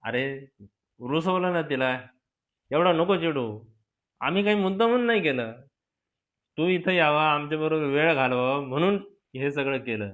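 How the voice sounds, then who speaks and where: A man playing a grown nephew who calmly explains and soothes his angry uncle. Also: a little high, moderate pace, long pauses. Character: grown nephew faking illness, placating. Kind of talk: amateur family comedy drama.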